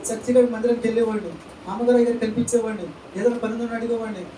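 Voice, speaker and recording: A man's voice: very high voice, fairly even intonation, very fast, mellow, a little hiss or hum. A male pastor preaching a church sermon, peppering it with rhetorical questions and calls of amen and hallelujah. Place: church hall. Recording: echoey church, distant mic, faint ambience.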